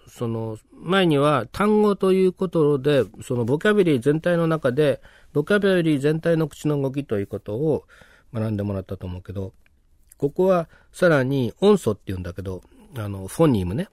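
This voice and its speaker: A man's voice: mid-range voice, darkish tone, no echo, studio quality. Casual male pronunciation teacher. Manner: informal, explains with many fillers and tag questions. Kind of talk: casual explanatory lecture.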